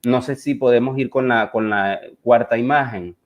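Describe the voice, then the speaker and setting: A man's voice: mid-range voice, moderate pace. Hesitant man with a Caribbean Spanish accent. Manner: hesitant, searching for words with repeated phrases. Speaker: visual artist presenting his work. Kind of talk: reflective conversational talk. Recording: dull, lo-fi online audio.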